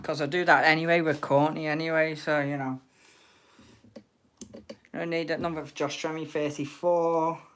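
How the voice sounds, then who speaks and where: A woman's voice: deep voice, flat delivery, normal speed, long pauses, slight background noise. A British woman hosting an online game in casual chat, with cheeky, informal banter as she calls out players and numbers. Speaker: host of an online bingo game.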